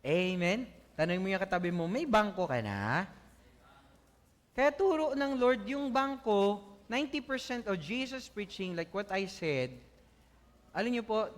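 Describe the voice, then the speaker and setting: A man preaching a sermon to his congregation, mixing Tagalog with English, often laughing and asking "Amen?". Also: high-pitched. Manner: animated, asks the congregation "Amen?"; laughs often while telling jokes. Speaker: pastor. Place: church hall before a congregation. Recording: long church hall reverb.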